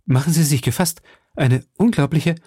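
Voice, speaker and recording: A man's voice: on the high side, normal speed, mellow, breathy edge, dry recording, clean studio sound, voice pushed up. Man doing an urgent young swordsman. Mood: agitated. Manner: urgent, emphatic. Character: hot-headed young swordsman, agitated.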